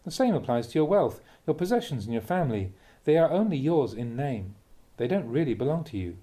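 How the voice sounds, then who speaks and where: Reading Buddhist teachings as a Dhamma talk, this man speaks with deliberate, measured phrasing and strong contrasts. His mid-range voice has a warm quality.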